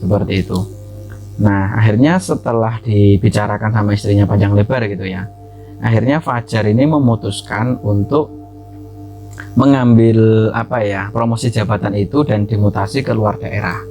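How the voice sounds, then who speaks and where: A man's voice: on the low side, steady tone, moderate pace, dark tone, faint music behind. A man hosting a horror story channel, narrating a submitted story in a chatty, loose way with frequent fillers and asides.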